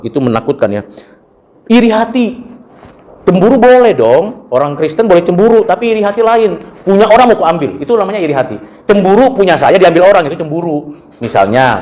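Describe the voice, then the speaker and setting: A pastor in his late fifties preaching a sermon in a lively, colloquial way, with sudden jumps in pitch, then slowing and softening into a closing prayer. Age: 50s.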